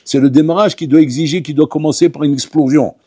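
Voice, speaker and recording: A man, a rabbi, teaching a lively Torah class to yeshiva students. He talks to them directly and acts out little dialogues. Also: a little high, fast, breathy edge, dry recording. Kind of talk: animated Torah lesson. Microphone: audio recording of a class.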